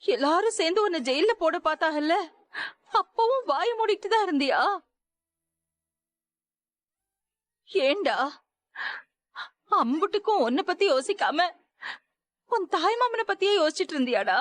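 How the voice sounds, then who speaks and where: A woman's voice: fairly high pitch, normal speed, long pauses, dry recording, natural voice. An actress in a TV serial playing a worried middle-aged mother and wife who pleads and reproaches through tears. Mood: reproachful. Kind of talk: Tamil TV serial acting.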